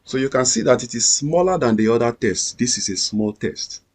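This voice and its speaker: A coding instructor teaches a screen-recorded lesson, patiently explaining each step and repeating himself. His mid-range voice is expressive and moves at a normal speed.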